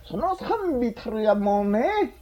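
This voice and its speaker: A man's voice: very high-pitched, big pitch swings, takes it slowly, dull audio. A man preaching a sermon in a chatty, humorous way, often asking his listeners questions. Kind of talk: sermon to a congregation.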